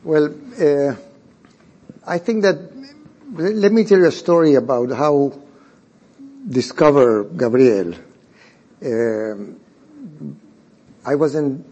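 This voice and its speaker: Husky man. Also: medium pitch, expressive, takes it slowly, pauses often, warm tone, muffled recording. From Argentina. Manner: hesitant, restarting phrases with frequent "uh". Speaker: private art collector, guest. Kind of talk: conversational storytelling on a panel.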